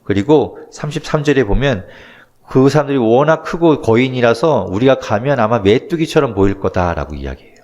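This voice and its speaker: A man's voice: medium pitch, lively intonation, brisk, a little mellow. A male pastor teaching a Bible study, retelling scripture and acting out the quotes. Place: church. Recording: audio-only church recording.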